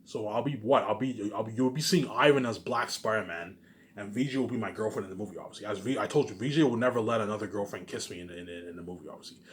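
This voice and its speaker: A vlogger with a lowish voice talks fast, rambling casually through a boastful, emphatic monologue full of profanity. He repeats himself and answers his own questions, with a little hiss or hum on the recording.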